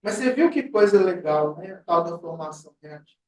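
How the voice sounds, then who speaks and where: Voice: medium pitch, animated, brisk, slight background noise. Far-off lecturer in a roomy class. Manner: explains with questions and everyday examples. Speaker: psychoanalysis teacher.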